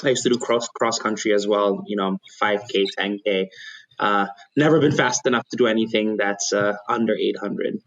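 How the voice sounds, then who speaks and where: A man in his thirties from Ethiopia, whose first language is Amharic, speaking as a podcast guest in a measured, thoughtful way, often restarting his sentences. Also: on the low side, fairly even intonation, muffled recording. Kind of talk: conversational interview.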